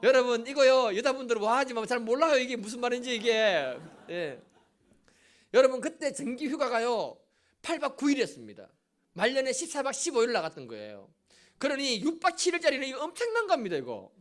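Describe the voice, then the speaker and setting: A man's voice: very high-pitched, fairly quick. A middle-aged male pastor preaching a sermon in a church, telling a story with asides to the congregation. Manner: animated storytelling with audience asides. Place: church sanctuary.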